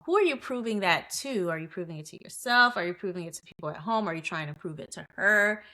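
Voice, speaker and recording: A woman's voice: medium pitch, expressive, fast talker, bright, forceful tone. A woman co-hosting a podcast, giving strong opinions in casual chat and firing off rhetorical questions. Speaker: podcast co-host.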